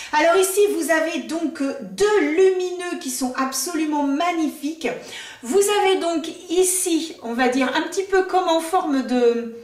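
A woman's voice: sits high, echoey room, distant mic. A woman vlogger chatting enthusiastically through a makeup tutorial, with lots of fillers.

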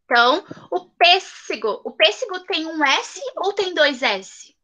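A woman leads a video-call lesson for young children. Her high, bright voice is affectionate and coaxing, and she drags out syllables to make each sound clear. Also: expressive, measured pace. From southern Brazil. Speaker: primary school teacher. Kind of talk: online class with young children.

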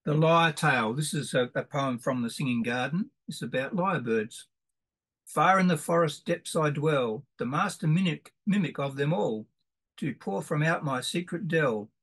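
Middle-aged aussie guy reading old poems out loud, kinda rambly, husky voice. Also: a little high, expressive, moderate pace. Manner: homely, rambling, reads verse with sing-song emphasis. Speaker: presenter. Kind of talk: informal introduction with poetry read aloud.

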